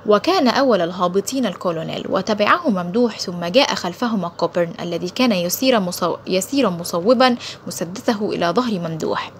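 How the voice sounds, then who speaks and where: A woman narrating an audiobook thriller in a brisk, dramatic storytelling manner. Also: medium pitch, animated, a little hiss or hum.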